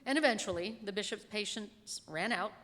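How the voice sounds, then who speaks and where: A middle-aged lay reader presents a minister's written sermon at a church hall lectern, using a gooseneck microphone. Her mid-range voice is a bit bright and moderately paced, set against long, echoing reverb.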